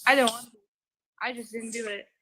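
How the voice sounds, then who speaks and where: Hesitant young woman, slightly high voice. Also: fairly even intonation, brisk, bright, forceful tone. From Colorado. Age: 20s. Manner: hesitant, nervous. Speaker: caller. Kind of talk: casual chat.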